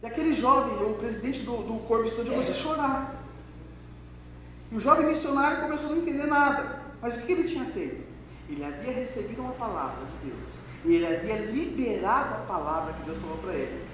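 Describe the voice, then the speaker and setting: Male pastor with a high voice, lively storytelling sermon, heard from far off in a church hall. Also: quick pace. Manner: lively storytelling, addressing the congregation directly. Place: church hall during a service. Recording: echoey hall from far off, background noise.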